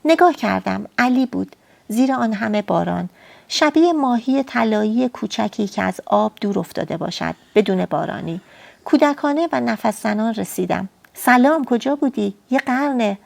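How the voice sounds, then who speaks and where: A woman narrating a first-person novel as an audiobook, in a soft, intimate and poetic storytelling manner. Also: medium pitch, animated, vocal fry.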